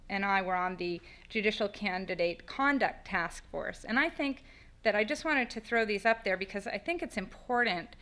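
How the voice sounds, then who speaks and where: A woman's voice: mid-range voice, sharp tone. A middle-aged American woman with a lateral lisp, presenting at a podium in a conversational, explanatory way with rhetorical questions. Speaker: panelist presenting at a law school conference. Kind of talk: semi-formal spoken presentation. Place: indoor lecture room at a podium. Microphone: podium microphone on a boom stand.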